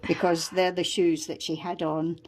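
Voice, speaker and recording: A middle-aged Scottish woman talks through her dollhouse in a relaxed show-and-tell way, pointing out each little item and patiently spelling out details. Her voice sits a touch low for a woman. A faint hiss of background noise runs under the recording. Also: normal speed. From Scotland. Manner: patient, explains details step by step. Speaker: dollhouse owner showing her miniature house. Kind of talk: casual show-and-tell chat.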